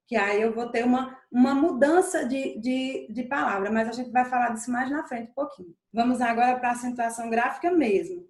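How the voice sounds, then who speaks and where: A woman giving a recorded grammar lesson, drawing out stressed syllables and repeating them slowly for emphasis. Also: high voice, roomy sound. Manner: stretches stressed syllables, slow emphatic repetition. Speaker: teacher.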